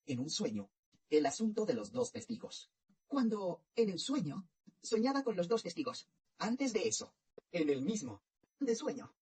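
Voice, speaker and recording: A woman narrating a spiritual dream story in a measured way, often repeating her phrases. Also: on the low side, husky. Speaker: religious narrator.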